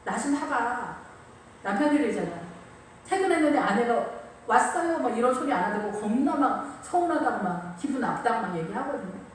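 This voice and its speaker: Animated woman preaching in an echoey church. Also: fairly high pitch, quick pace, a little hiss or hum. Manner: lively, acts out quotes, repeats phrases. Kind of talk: sermon. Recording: echoey church hall from far off, faint ambience.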